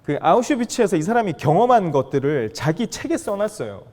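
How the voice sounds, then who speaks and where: A man lecturing a class of fathers through personal stories. His fairly high voice swings widely in pitch, and he acts out the lines he quotes with plenty of animation. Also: sing-song, fairly quick, a little mellow. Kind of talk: storytelling lecture.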